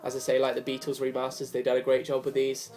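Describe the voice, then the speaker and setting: This young vinyl collector talks fast in a medium-pitched, completely flat voice, hoarse from a cold as he chats to camera about his records. He rambles and apologizes with heaps of fillers, with faint jazz playing in the background.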